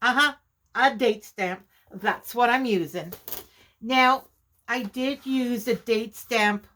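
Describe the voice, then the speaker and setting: A woman vlogger chatting casually while demonstrating her journaling supplies, chatty and quick to laugh at herself. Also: on the high side, fairly bright tone. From Canada. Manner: chatty, self-deprecating, exclaims often. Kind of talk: casual craft vlog demonstration.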